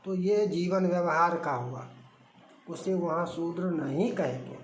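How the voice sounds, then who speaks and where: Man, high voice, slow deliberate delivery, emphatic scripture talk, roomy sound with faint hiss. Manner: emphatic, repetitive, rhetorical questions. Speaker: religious commentator. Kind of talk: spoken discourse on scripture.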